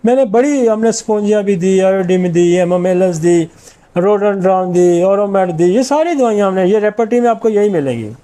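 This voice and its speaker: A man's voice: high-pitched, few pauses, dark tone. A middle-aged man, a homeopathic doctor, giving an informal lecture and confidently rattling off long lists of remedies.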